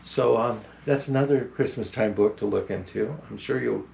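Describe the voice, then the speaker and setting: A man playing a jolly old Santa Claus who hosts a picture book reading in a gentle, halting, unhurried manner. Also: lowish voice, creaky, a little hiss or hum, voice pushed down, low-quality recording. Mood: friendly, rambling.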